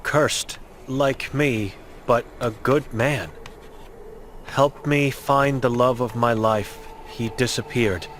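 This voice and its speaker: A man's voice: mid-range voice, steady tone, slow pace, a bit bright, slight background noise. A man voicing an old blind mute woman in a game, grim and guilt-ridden, speaking in terse, broken phrases.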